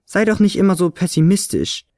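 A man voicing a small, hopeful, gentle male flute player in a storybook reading, mild and a little meek. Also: sits high, very animated, brisk, no room sound, studio quality, pitched above the performer's own voice.

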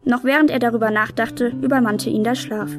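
A woman narrating a storybook in a calm, even storytelling manner. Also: a little high, fairly quick, over loud music.

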